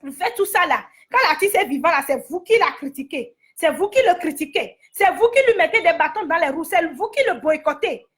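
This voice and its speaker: Very high-pitched indignant Togolese woman. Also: animated, fairly quick, few pauses, fairly bright tone. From Togo. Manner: indignant, repetitive, addresses viewers directly. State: angry. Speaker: commentator giving her opinion. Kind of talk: heated opinion vlog.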